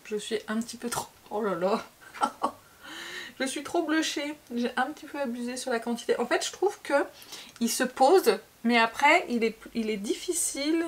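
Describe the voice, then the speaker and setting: A woman from France chatting casually through a makeup tutorial, with frequent fillers and repeated words. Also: on the high side. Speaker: beauty vlogger.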